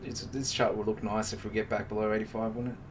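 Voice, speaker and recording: A man's voice: fairly low pitch, little pitch movement, quick pace, far from the mic, noisy background. A man hosting a trading live stream, giving casual, joking market commentary and calling viewers "mate". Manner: chatty and joking, talks to the viewers as mates.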